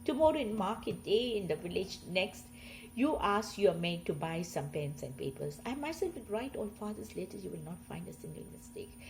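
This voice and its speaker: A woman reciting poems aloud in a slow, expressive reading that swells in loudness. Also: fairly low pitch, vocal fry, low-quality recording. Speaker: poetry reader. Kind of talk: poetry recitation.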